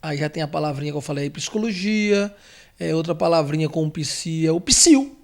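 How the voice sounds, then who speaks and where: A Brazilian man teaching a lesson, walking through letters slowly and carefully, repeating names and checking in with the listener. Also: a little high, expressive, creaky. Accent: Brazilian Portuguese. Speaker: theology teacher. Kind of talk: whiteboard lesson on the Greek alphabet.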